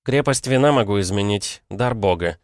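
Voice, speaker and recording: A man's voice: fairly low pitch, animated, moderate pace, dry recording, studio quality, close to an everyday voice. A man voicing a flippant young vampire woman in a sassy, lifted tone. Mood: teasing.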